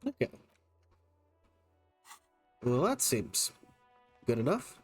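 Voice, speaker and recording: A man's voice: medium pitch, very animated, very slow, slightly rough, soft background music. A man casually commenting as he plays a game, playful and teasing, reading options aloud. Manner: playful, teasing, laughs a lot, reads choices aloud. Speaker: gamer playing through a game.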